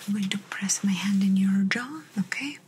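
A young woman playing a calm, encouraging Italian clinician in a whispered role-play, giving gentle step-by-step instructions in an Italian accent. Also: mid-range voice, normal speed, slight background noise, lightly acted. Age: young adult. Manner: gentle step-by-step instructions with repeated short praise. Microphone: close ASMR microphone.

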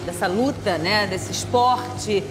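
A woman TV host leading an interview in a lively, chatty, teasing way. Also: medium pitch, slow pace, in a large hall, over loud music.

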